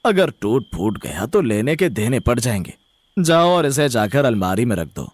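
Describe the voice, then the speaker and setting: A man voicing a good-humored father of a poor family in an animated cartoon, speaking in a lively, expressive way. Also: medium pitch, moderate pace, dry recording. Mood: firm.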